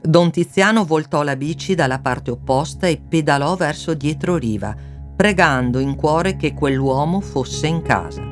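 A man's voice: expressive, normal speed. A man narrating a story aloud, giving the characters their own voices. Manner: voices characters by raising pitch. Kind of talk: audiobook reading with character voices. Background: soft guitar music.

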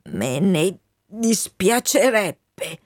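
A woman voicing a dying, proud old male army colonel, speaking slowly and wearily, sometimes sinking to a whisper. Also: big pitch swings, no room sound, studio quality, exaggerated voice. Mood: resigned. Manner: slow, low and weary, sinking to a whisper.

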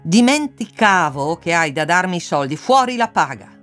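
A man's voice: on the high side, big pitch swings, normal speed, a bit bright, soft background music. A man voicing a proud, defiant boatman father who mocks his boss. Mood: mocking. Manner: mocking and commanding.

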